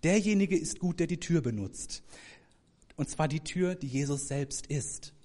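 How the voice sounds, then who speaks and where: German preacher with swelling emphasis. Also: male voice, on the high side, unhurried. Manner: addresses congregation directly, swells for emphasis then drops soft. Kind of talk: sermon.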